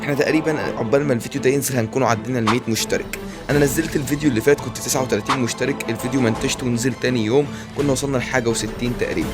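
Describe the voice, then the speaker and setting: A young man with an Egyptian Arabic accent giving casual, excitable commentary over a video game he is playing. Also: medium pitch, music in the background. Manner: excitable, rapid banter and repeated exclamations. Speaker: gaming YouTuber.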